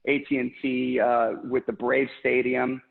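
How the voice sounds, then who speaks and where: This interview guest, a regional sales director from Puerto Rico in his thirties, speaks at a measured pace in a flat, gravelly, mid-range voice. Calling in from his home office, he enthusiastically describes his career with many fillers. The sound is tinny and echoey, typical of a video call.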